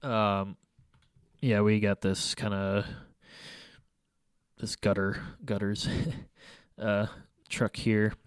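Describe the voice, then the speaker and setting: A young photography vlogger, his nose stuffy and congested, rambles through a casual review of his photos, hesitating, restarting, and using lots of fillers. His low voice is smooth and clear, with a level tone, drawn-out words, and long pauses. He's in a small room at home by a window, but the recording is dry and close with no room sound at all.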